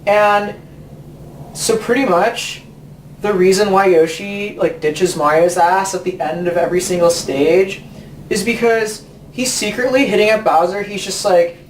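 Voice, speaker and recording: A man's voice: high-pitched, steady tone, unhurried. Casual note: cussing man ranting about games, rambly, distant mic in a roomy space, faint background hum. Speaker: video game commentator. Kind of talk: comedic game rant.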